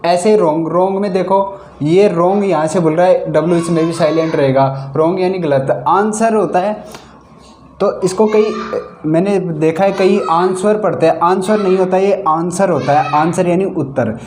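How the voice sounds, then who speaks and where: A woman's voice: fairly low pitch, moderate pace, dark tone, slight background noise. A woman teaching a grammar lesson. She spells words out letter by letter, gives the meaning of each one, and repeats her points patiently. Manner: patient, repetitive explaining. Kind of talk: Hindi-medium classroom lesson. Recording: echoey room.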